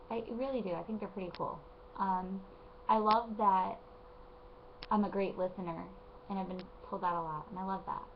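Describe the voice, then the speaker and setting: A woman with a hoarse, gravelly voice talks casually to camera from her couch late at night. She rambles gently with frequent ums, encouraging her viewers. The recording is dull and lo-fi, with a faint background noise. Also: mid-range voice. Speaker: vlogger and parenting page admin. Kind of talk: casual motivational talk to camera.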